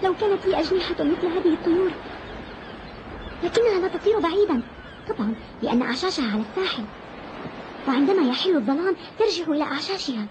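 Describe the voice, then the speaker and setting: A woman voicing a frightened, devout young boy lost at sea in an animated film, praying aloud and pleading. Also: very high voice, quick pace, pauses often. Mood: anxious. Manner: prays aloud, pleading and earnest. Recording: noisy soundtrack background.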